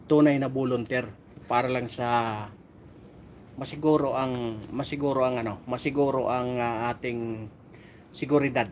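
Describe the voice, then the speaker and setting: A middle-aged man chatting casually on a live stream while on night volunteer duty outdoors, giving viewers shout-outs. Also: mid-range voice, slight background noise.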